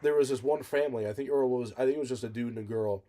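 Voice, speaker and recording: A man's voice: mid-range voice, racing, mellow. A man co-hosting a casual podcast, rambling with many fillers and self-corrections. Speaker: podcast co-host. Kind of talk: casual chat.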